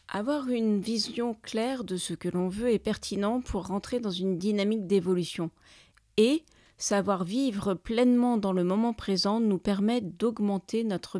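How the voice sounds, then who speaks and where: Calm woman storyteller, dry close sound. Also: mid-range voice, no echo. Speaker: storyteller and podcast host. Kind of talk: storytelling and reflective commentary.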